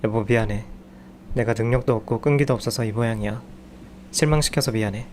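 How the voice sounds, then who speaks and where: A man's voice: medium pitch, steady tone, fairly quick, slight background noise, close to an everyday voice. Man doing young husband, lazy, whiny, sulky, complaining. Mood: dejected.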